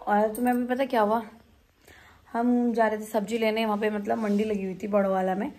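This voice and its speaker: A young woman vlogging at home, telling a lively story to her viewers in a casual chat. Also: medium pitch, fairly quick. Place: home, indoors.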